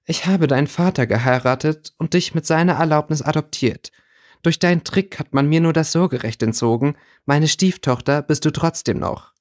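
A man's voice: a little high, moderate pace, darkish tone, no room sound, clean studio sound, lightly acted. Man doing a sneering, smug stepmother. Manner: sneering, self-assured, honeyed. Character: smug cruel stepmother, middle-aged woman. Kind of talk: audiobook character reading.

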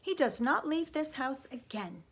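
A woman's voice: sits high, sing-song, measured pace, pitched above the performer's own voice, full character voice. A woman reading aloud voices a farm mother, stern and protective of her son.

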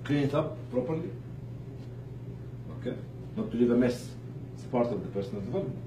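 A man delivers an informal religious pep talk to charity staff before a live audience, his pitch extremely lively. He's emphatic, pauses often, and poses rhetorical questions to listeners, while the distant mic picks up an echoey room and clear noise.

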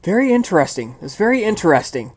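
A man voicing a callous, brisk female vampire anatomist who talks in a breezy, matter-of-fact way. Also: fairly high pitch, expressive, natural voice.

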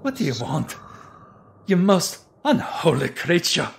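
A woman's voice: fairly low pitch, very animated, a little slow, creaky, heavily acted. A woman voicing a brave, trembling priest who rebukes and prays in a fervent, declamatory way. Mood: fervent prayer.

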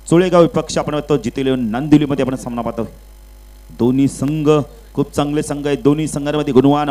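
Guy calling a local cricket match on a pa mic outdoors, kinda high voice, gets loud and pumped on runs then settles down. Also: poor audio. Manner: surges louder and higher on runs and wickets, calmer between balls; mixes English cricket terms into his talk. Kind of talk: live play-by-play commentary.

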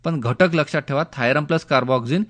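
A man's voice: mid-range voice, quick pace, fairly bright tone. A man giving instructive advice on a radio phone-in, repeating key points. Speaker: agricultural expert guest on a radio phone-in. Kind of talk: spoken explanatory advice on radio.

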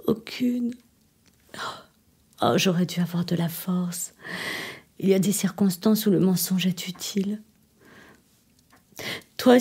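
Her mid-range voice is gravelly and dark with a breathy edge as this actress reads a theatre monologue, playing a desperate woman begging her departing lover on the phone. The mood is hushed and pleading, and she frequently drops to a trembling whisper.

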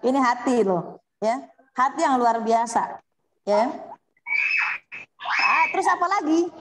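A woman with a somewhat high voice leads an Islamic study gathering for mothers. She speaks to them directly and keeps asking questions. She often breaks into pleading prayers. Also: animated, slow, long pauses, fairly bright tone. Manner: addresses listeners as Bunda, asks questions; acts out heartfelt prayers. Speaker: religious study teacher. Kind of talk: Islamic study circle talk.

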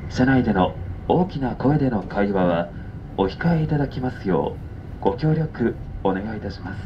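A man with a Japanese accent making formal train conductor announcements in clipped, formulaic phrases. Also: lowish voice. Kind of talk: formal public-address announcement. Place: inside a moving express train, over the speakers. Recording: dull train PA, loud carriage noise. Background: loud train running noise.

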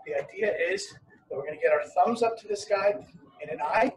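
A man's voice: high voice, brisk. A man in his fifties explaining workout moves step by step as a fitness coach. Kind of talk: instructional workout demonstration. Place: hard-walled home gym or patio workout space. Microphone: camera a few metres away. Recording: roomy, distant mic with background noise.

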